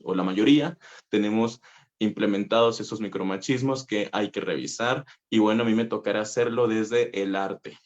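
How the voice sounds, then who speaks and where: A low-voiced man with a Mexican Spanish accent gives a relaxed, conversational talk as a voice teacher. He uses plenty of fillers and asides. The recording sounds dull and lo-fi. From northern Mexico (Coahuila). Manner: conversational, many fillers, laughs easily. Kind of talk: conference talk.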